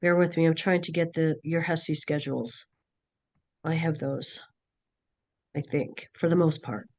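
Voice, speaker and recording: A woman instructor with a raspy, hoarse voice from a cold, leading an online class in a halting way, thinking aloud over a video call. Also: low voice, steady tone, a little mellow.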